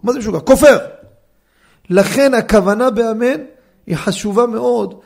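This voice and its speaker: Animated rabbi, gravelly high voice. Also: male voice. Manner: animated, fires rhetorical questions at listeners. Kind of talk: Torah law lecture. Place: study hall class.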